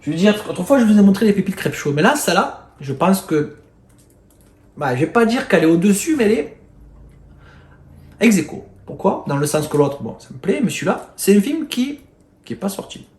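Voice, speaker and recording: A man with a Marseille accent, chatting casually to camera about his bargain finds, excitable and rambling with lots of fillers and mild swearing. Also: high voice, brisk. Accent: Marseille French. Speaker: video host showing flea-market finds. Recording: echoey room with faint noise.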